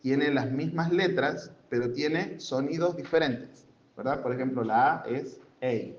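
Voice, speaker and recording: A man's voice: medium pitch, a little slow. A man teaching a Sunday school grammar class, explaining step by step with examples and often checking that students follow. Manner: keeps checking understanding with tag questions. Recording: roomy, dull lo-fi with faint room noise.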